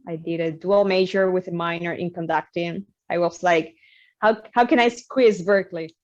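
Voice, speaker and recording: Cuban woman musician, warm low voice. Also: highs cut off. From Cuba. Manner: thoughtful, many fillers and restarts. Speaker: guest musician. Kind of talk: casual interview.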